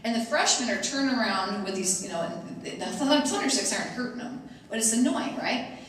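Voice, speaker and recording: A woman giving a talk to parents, telling stories in a lively way and acting out the people in them. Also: fairly high pitch, fairly quick, a little hiss or hum. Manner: animated, acts out quoted voices. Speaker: speaker to parents. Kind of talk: storytelling presentation to an audience. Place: large hall with a live audience. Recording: echoey hall, mic at a distance.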